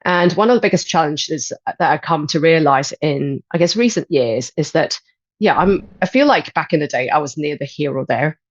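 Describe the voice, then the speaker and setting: A woman in her thirties from Hong Kong, a life and transition coach speaking as a podcast guest in a thoughtful, measured way with frequent pauses. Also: low-pitched, lively intonation, dry recording, lo-fi sound. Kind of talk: podcast interview.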